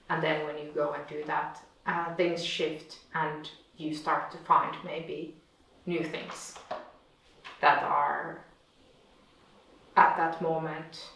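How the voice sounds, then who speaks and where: Slow, low-voiced woman, echoey room. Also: vocal fry, a bit bright, a little hiss or hum. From Finland. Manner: thoughtful, pausing often to find words. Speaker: visiting artist. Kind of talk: reflective conversation. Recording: echoey room, distant mic.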